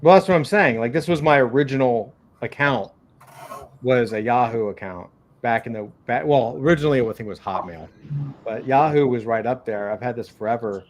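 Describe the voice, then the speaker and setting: Middle-aged man, mid-pitched, on a video call. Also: fairly quick, a little hiss or hum. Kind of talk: casual chat on a video call.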